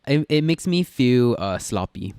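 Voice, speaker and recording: Casting: young man, smooth clear voice, dry close-mic podcast sound, laid-back joker. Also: mid-range voice, a little slow, no room sound. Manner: relaxed, joking, drops to a mumble at line ends. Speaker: podcast co-host. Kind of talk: casual podcast chat. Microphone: studio podcast mic.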